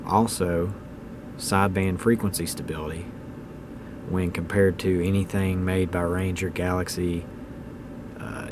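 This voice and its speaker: Indoors at home, a man in his thirties chats informally and unscripted about his hobby for a video, his voice low-pitched. There's noise in the background, and his tone is folksy, opinionated and straightforward.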